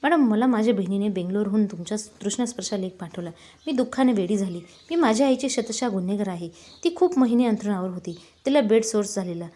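A woman's voice: medium pitch, dark tone, lightly acted. Woman reading as a remorseful tearful daughter.

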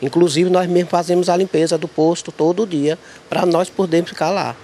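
A man's voice: high-pitched, fairly even intonation, a little fast, mellow, slight background noise. A middle-aged man from Bahia with a Bahian accent, pleading earnestly for help into a reporter's handheld mic outdoors. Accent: Bahian Portuguese. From Bahia, Brazil. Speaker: interviewee asking for help. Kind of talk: street interview plea. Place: outdoors, by a wall.

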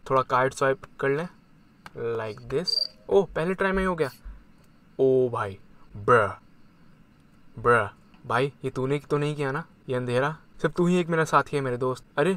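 A young man giving chatty, excitable commentary on his game, mixing Hindi and English. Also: mid-range voice, moderate pace. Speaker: gamer. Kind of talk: casual gaming commentary.

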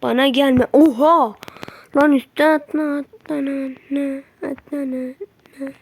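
A woman with a high voice talks through a game she is playing, in no hurry between bursts. She yelps at threats, shoos enemies away with slangy jabs and drops to muttering to herself. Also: level tone, takes it slowly. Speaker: gameplay streamer. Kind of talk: live gameplay commentary.

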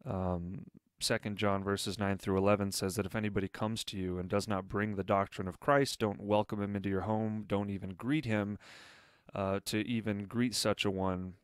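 Earnest low-voiced man, dry close sound. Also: level tone, normal speed, clear, resonant tone, no room sound. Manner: earnest, with frequent fillers and restarts. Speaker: online commentator. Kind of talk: critical commentary video.

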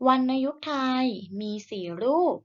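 A woman teacher giving a recorded reading lesson to young children. She speaks slowly, models each sound clearly for the children to repeat, and encourages them gently. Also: dull audio. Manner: slow, deliberate modelling of sounds for repetition. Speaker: primary school teacher.

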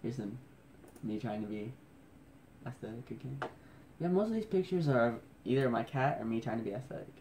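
Hushed, rambling young man vlogging. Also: mid-range voice, lively intonation, a little fast, pauses often, a little hiss or hum. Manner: rambling, self-mocking; hushed, keeping his voice down. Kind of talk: casual photo-scrolling commentary. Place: at home indoors at night.

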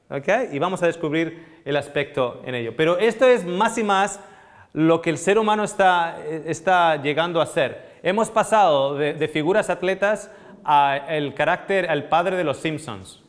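A Spanish man in his thirties, somewhat high-voiced, talks nutrition at a live seminar before a small crowd. He gestures freely and poses questions to listeners, while the hall's lengthy reverb rings through his lapel mic.

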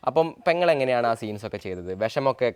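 A man's voice: mid-range voice, lively intonation, quick pace, a little mellow, clean tone. A man hosting his family vlog, chatting and quizzing family members about acting. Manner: chatty, interviewing family members, advice to creators. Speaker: family vlog channel host. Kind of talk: casual family vlog chat.

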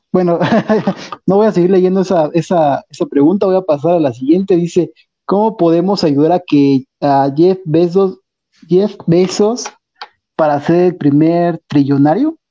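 A man hosting a live stream, reading viewer questions in a relaxed way. His voice is very dark and mellow, and the call audio sounds dull and muffled. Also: fairly high pitch. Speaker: host. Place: home room.

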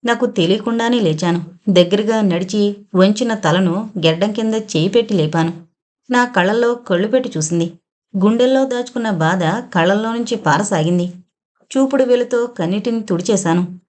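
A woman narrating an audio novel in the first person, in a steady, measured way. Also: mid-range voice.

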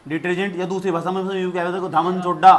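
High-voiced man teaching a class. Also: level tone, fast talker, a crowd in the background. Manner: repetitive, drills terms, quizzes students. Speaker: science teacher. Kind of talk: classroom lecture. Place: classroom with students.

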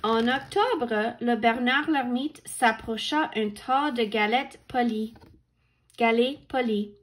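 A woman reading a picture book aloud to children, pausing to point out the pictures, count along and correct her own misreadings. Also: on the high side. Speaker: children's story reader.

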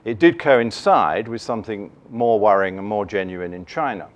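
A middle-aged man giving a keynote on markets from a lectern, measured and dotted with fillers and restarts. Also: lowish voice, highs cut off. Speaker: investment keynote speaker. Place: conference room, standing at a lectern.

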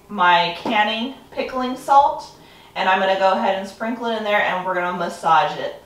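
A woman in her thirties, a homesteading vlogger, gives a friendly step-by-step cooking demonstration in her home kitchen. Her medium-pitched voice is a bit bright. A camera mic across the counter picks her up, so the sound is roomy and distant, with a little hiss or hum.

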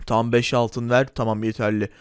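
A man voicing a grumpy, bossy middle-aged male grocer in a game role-play, gruff and scolding. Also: medium pitch, little pitch movement, brisk, no echo, studio quality, pitched below the performer's own voice, natural voice. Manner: gruff, scolding, barks orders.

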